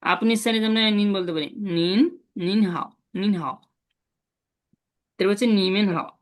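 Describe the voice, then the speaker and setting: A man teaching a Chinese class online. He repeats syllables slowly and asks his students questions as he goes. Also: sits high, a bit bright. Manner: drills syllables slowly, repeating them often.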